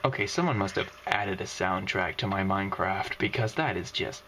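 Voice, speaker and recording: A woman's voice: extremely low pitch, normal speed, fairly bright tone. A woman whispering through a let's-play commentary, her whisper scratchy, with frustrated outbursts and mild cursing. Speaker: gaming video creator.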